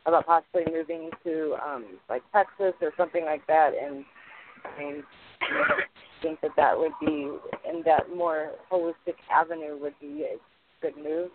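A woman's voice: deep voice, steady tone, normal speed. A woman calling in over the phone, speaking hesitantly with trailing phrases. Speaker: caller. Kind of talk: casual call-in question. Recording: tinny phone line with faint noise.

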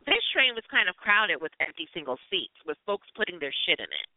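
With a high-sitting voice that swings widely in pitch, this New York host talks briskly over a noisy background. His call-in podcast chat is gushing, slangy, and profane, and the phone-line audio sounds tinny.

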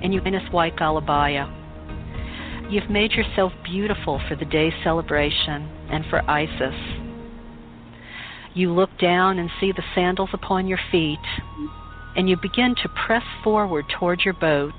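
A woman leading a guided meditation in a calm, soothing, unhurried voice with pauses. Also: on the low side. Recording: muffled phone-like recording with music. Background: meditation music.

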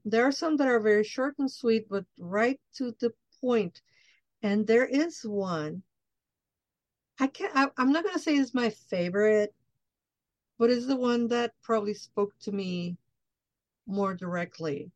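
A woman's voice: a little high, lively intonation, measured pace, a little mellow, dry recording, lo-fi sound. Effusive woman host, dry close sound. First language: Spanish. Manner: effusive, enthusiastic. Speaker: show host. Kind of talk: casual interview chat.

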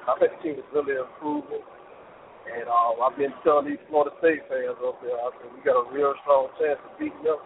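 A man calling in to a radio show over the phone, chatting casually and hesitantly with many pauses. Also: mid-range voice. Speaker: radio call-in caller. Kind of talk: casual chat. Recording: tinny phone line with clear hiss.

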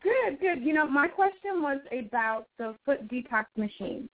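A woman's voice: high-pitched, lively intonation, normal speed, no room sound. A woman calling in to a radio show over a phone line, friendly and chatty, with some hesitant ums as she asks her question. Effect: heard over a phone line as a call-in caller.

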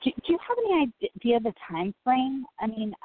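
A woman's voice: on the high side, sing-song, brisk, no echo, narrow, tinny audio. A middle-aged woman calling in for guidance, talking casually and a little unsurely. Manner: hesitant, unsure. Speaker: caller seeking guidance. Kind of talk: casual call-in conversation.

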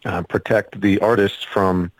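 Man, low voice, earnest, hesitant, casual interview guest, dry sound. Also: steady tone, a little slow, no echo, poor audio. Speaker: guest, musician and actor.

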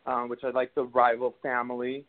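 Speaking a little fast and in a monotone, this mid-range male voice belongs to a Venezuelan actor in his thirties who has a Venezuelan Spanish accent. He is an interview guest on a tinny phone line, and his answers are hesitant, with lots of fillers and false starts.

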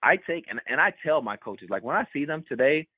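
A man, a former college basketball player and podcast guest, telling a personal story in an animated way and repeating words for emphasis. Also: on the high side, fairly quick, breathy edge, dry recording. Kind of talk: candid storytelling in a podcast interview. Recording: tinny remote call line, dry.

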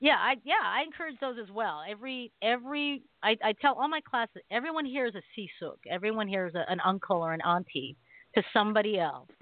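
A woman's voice: mid-range voice, lively intonation, fairly quick, no room sound. A woman co-hosting a talk radio show and teaching martial arts, chatting casually in a rambling way, with many restarts and frequent laughs. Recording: tinny phone-line sound, dry.

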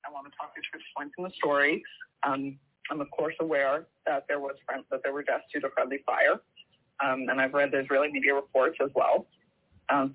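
A woman reporter's voice comes through a tinny phone line, thin and narrow. She talks politely but hesitantly, filling her pauses with ums. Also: low-pitched, slightly rough. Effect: heard over the phone.

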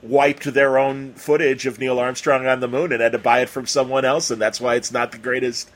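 Interviewing an author on the radio, this middle-aged man speaks briskly in a flat, mid-range voice. His casual style is informal and rambling as he circles around his questions.

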